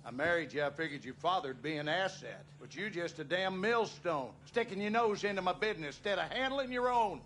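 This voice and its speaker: A bitter, abusive father in a video game drama. His somewhat high voice has a Southern American accent, menacing and aggrieved, over slight background noise. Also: lively intonation, fairly quick, few pauses, fairly bright tone. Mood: threatening. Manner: menacing, aggrieved, folksy cursing.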